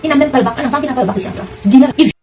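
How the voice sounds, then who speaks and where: Heated woman commentator, rapid delivery, slightly distant mic. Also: high-pitched, a little mellow, faint music behind. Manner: fast, confrontational, addresses a rival directly. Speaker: online commentator. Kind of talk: heated direct-to-camera rant.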